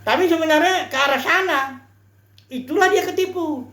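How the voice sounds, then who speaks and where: A woman's voice: very high voice, moderate pace, fairly bright tone, roomy sound. A woman giving a conversational Bible teaching sermon, asking rhetorical questions and acting out quoted voices. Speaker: preacher.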